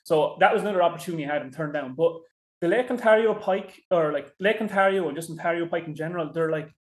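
An Irish man, a fishing guide appearing as a podcast guest, chats and rambles in a casual interview, peppering his talk with "you know" and "like." His voice sits on the high side and he speaks quickly.

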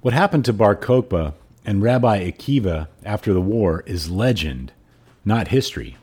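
Hoarse froggy guy, deep n raspy, podcast host reading a book out loud. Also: animated, normal speed. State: hoarse throat. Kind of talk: audiobook-style reading and podcast sign-off.

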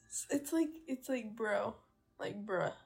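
A woman's voice: a little high, fairly even intonation, a little slow, a little mellow. A young girl answering interview questions on a podcast, chatty and playful. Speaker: guest.

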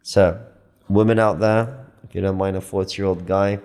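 A man in his late thirties arguing his point in a casual podcast chat, emphatic and animated, often repeating himself. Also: sits low, normal speed. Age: 30s. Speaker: podcast guest.

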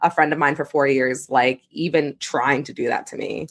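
A young woman co-hosting a podcast, telling animated stories and swearing freely in casual chat. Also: rumbling low, moderate pace, gravelly, breathy edge. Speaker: podcast co-host.

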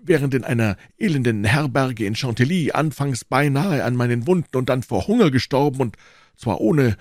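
A man's voice: mid-range voice, lively intonation, normal speed, darkish tone, no room sound, studio quality, pitched above the performer's own voice, lightly acted. A man voicing a proud, boastful nobleman musketeer in a storybook reading, pompous and declamatory. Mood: aggrieved boastful.

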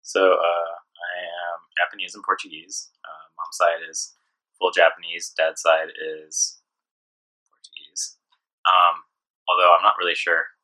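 A man from Hawaii being interviewed, talking in a relaxed, rambling way with lots of fillers. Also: sits low, measured pace, poor audio. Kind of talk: casual interview conversation.

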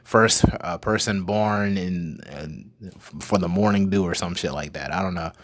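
A man's voice: deep voice, normal speed. A young man hosting a podcast, chatting loosely and joking with plenty of swearing. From African family. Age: young adult. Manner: loose, joking, rambling with profanity. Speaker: podcast host. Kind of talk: casual chat.

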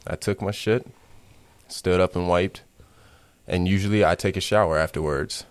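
A young man co-hosting a podcast, telling an embarrassing story in a laid-back, deadpan way. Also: low-pitched, moderate pace, no room sound. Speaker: podcast co-host.

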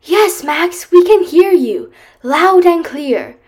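A woman's voice: high voice, sing-song, a little fast, a little mellow. A woman voicing a friendly, upbeat young male lion in a children's audio story.

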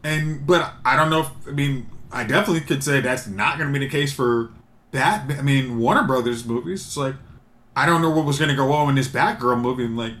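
A man's voice: mid-range voice, fairly quick, fairly bright tone. A man in casual podcast chat, rambling and opinionated as he thinks aloud. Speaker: podcast co-host. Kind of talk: casual chat about superhero movies.

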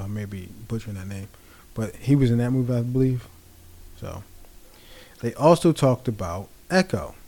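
A man with a mellow, darker tone talks casually as a vlogger. His delivery is loose and rambling, full of fillers and easygoing asides. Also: medium pitch. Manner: rambling, relaxed, many fillers. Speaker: pop culture vlogger. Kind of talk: casual commentary.

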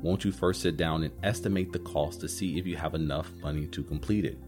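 A man's voice: extremely low pitch, steady tone, fairly quick, over music. A man hosting a podcast as a financial advisor, explaining things directly to the listener in semi-scripted talk.

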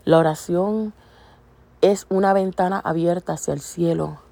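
A woman preaching in an earnest, exhorting way, circling back to repeat her points. Her voice sits fairly low and sounds mellow and warm. The recording is close and dry. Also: fairly even intonation, a little slow, creaky, no echo. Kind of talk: informal sermon on prayer.

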